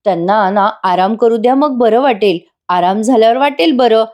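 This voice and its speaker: A steady young soap-opera heroine, soothing and reassuring in a gentle tone, as a woman narrator voices her. The voice sits a little higher than the narrator's own. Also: normal speed, lightly acted.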